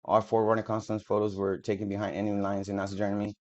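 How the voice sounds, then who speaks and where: A man's voice: lowish voice, completely flat delivery, rapid-fire, a little mellow. A man reading official documents aloud to the camera, stumbling over words and breaking off for casual, profane asides. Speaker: video creator. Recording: dull lo-fi audio.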